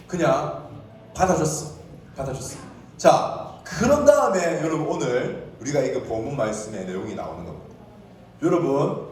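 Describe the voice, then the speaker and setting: A young man preaching a lively sermon to children, asking them questions and acting out the characters' words. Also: a little high, slight background noise. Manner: animated, asks the children questions and acts out quotes. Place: church hall with children. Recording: echoey church hall, mic at a distance.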